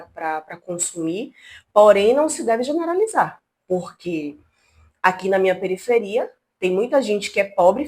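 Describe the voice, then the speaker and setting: A woman from Brazil hosting a casual commentary vlog from her home, talking in an indignant, animated, chatty way. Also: mid-range voice. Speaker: channel host. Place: at home, not a studio.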